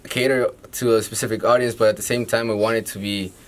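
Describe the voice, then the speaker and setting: Low-voiced man. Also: level tone, fast talker. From Mexico. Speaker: bass player. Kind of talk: casual interview chat.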